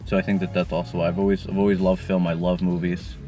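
A man in his twenties, from Connecticut, chatting casually in a parked car, relaxed and rambling with plenty of fillers. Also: low voice, fast talker, soft background music. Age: 20s. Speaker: co-host. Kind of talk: casual Q&A chat. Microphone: camera on the dashboard.

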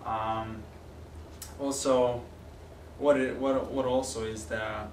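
A native Kazakh speaker in his young adult years teaches a video lesson with a Kazakh accent, standing in a classroom with a whiteboard. He speaks slowly in a slightly mellow mid-range voice with little pitch movement, casual and hesitant, with frequent fillers and restarts. The far camera records an echoey room with noise.

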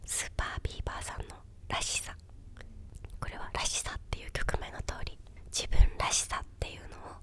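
A young woman chatting casually in a soft, breathy ASMR whisper, close to a desktop microphone in a small room. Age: young adult. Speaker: ASMR video creator. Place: small quiet indoor room with a bed or sofa. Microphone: desktop condenser microphone, close up.

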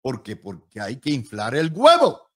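A man's voice: medium pitch, huge pitch swings, unhurried. A man with a Puerto Rican accent giving emphatic, combative and sarcastic political commentary as an analyst.

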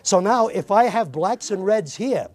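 A man's voice: sits high, animated, a little slow, over loud music. A man performing as a magician, giving playful showman's patter and step-by-step instructions for a card trick.

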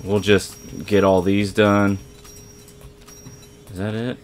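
Deep-voiced man doing game commentary. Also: flat delivery, takes it slowly, a little hiss or hum. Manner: rambling, self-correcting, talks to viewers while playing. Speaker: let's play host. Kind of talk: casual gameplay commentary.

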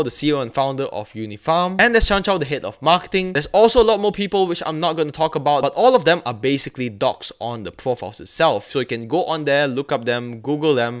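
A young man hosts a crypto review from his desk at home, walking viewers through websites with eager, promotional hype. His voice sits fairly high and swings widely in pitch. He sounds close to a desk mic in a small room. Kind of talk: screen-share crypto review.

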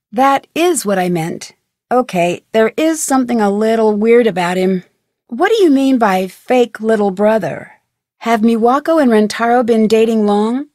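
A woman voices a curious, friendly young amateur detective in a video game, performing scripted dialogue and tutorial narration. Her upbeat, conversational delivery is fairly high in pitch, and the recording is dry and studio quality.

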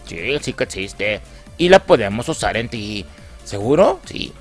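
A man voicing an old scheming male monster hunter in a slow, sly way. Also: on the low side, sing-song, faint music behind, voice pushed down.

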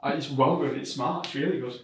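A man's voice: medium pitch, brisk, fairly bright tone. A man chatting casually with a friend, easygoing and teasing. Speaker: friend helping build the gym. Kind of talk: casual chat. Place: basement home gym with bare brick walls. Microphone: camera on a tripod across the room. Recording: echoey room, music behind.

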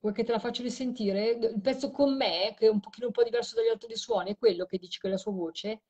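A woman's voice: on the high side, fairly even intonation, quick pace, darkish tone, muffled recording. Tired woman hosting a live stream. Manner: talks to a caller while replaying audio clips. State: tired late at night. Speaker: host of a live show on spirit voice recordings.

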